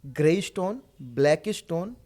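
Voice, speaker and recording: A man's voice: fairly high pitch, expressive, a little slow, a little mellow. A man, a Vastu consultant, giving instructive explanations in an interview and often checking in with his listener. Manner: instructive, checks in with "right?" and "isn't it?".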